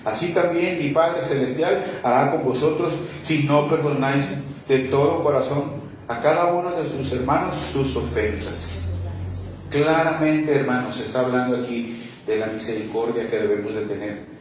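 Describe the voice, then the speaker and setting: A man's voice: medium pitch, fairly even intonation, moderate pace, recorded from a distance. A man preaching a sermon as pastor, reading scripture and pressing the listeners with repeated rhetorical questions. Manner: emphatic, asks the congregation rhetorical questions and repeats key phrases. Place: church hall. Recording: very echoey hall, voice from off mic, faint background noise.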